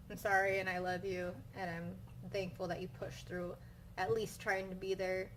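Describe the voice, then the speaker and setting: A woman's voice: medium pitch, slight background noise, rough recording. A young woman vlogging casually about her migraines while she still has one, rambling with lots of fillers and sounding frustrated. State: suffering a migraine. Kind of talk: casual storytelling vlog.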